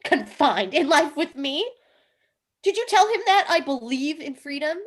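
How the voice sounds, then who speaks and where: Wife in a comic play reading, dream-analysis zealot, high and lively, emphatic; a woman plays her. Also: measured pace. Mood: agitated. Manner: emphatic, theatrical delivery.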